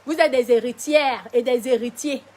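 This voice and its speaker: A high-pitched woman with a Cameroonian French accent, tired, her voice not yet back to full strength. She talks straight to her live-stream viewers, defiant, and calls them by pet names. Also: normal speed, a little mellow. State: tired, voice still recovering. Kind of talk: casual live-stream monologue.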